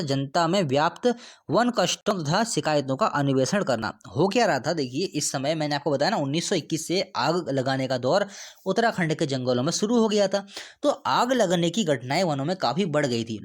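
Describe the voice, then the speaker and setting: A man teaching an exam-prep lesson, explaining step by step, asking questions and answering them himself, and repeating key dates for his students. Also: a little high.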